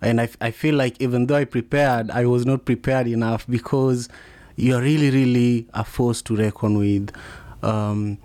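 A man's voice: medium pitch, fairly even intonation, moderate pace, dark tone, dry recording. Kenyan guy w strong accent, luo and swahili speaker, chatting as podcast host, dry close sound. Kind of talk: casual conversational interview.

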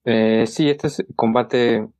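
A man giving casual opinions as a podcast co-host, halting and constantly adding short tag questions, on a dull lo-fi recording. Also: medium pitch, steady tone, darkish tone, no room sound. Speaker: podcast co-host reviewing wrestling. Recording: dull, lo-fi close voice track.

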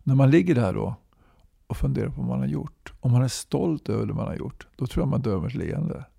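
A man's voice: medium pitch, expressive, vocal fry, dark tone, husky, no room sound, studio quality. A man in his sixties, a talkative interview guest who keeps tagging his sentences with a questioning "va?". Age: 60s. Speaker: guest, musician and movement leader. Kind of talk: casual conversational interview.

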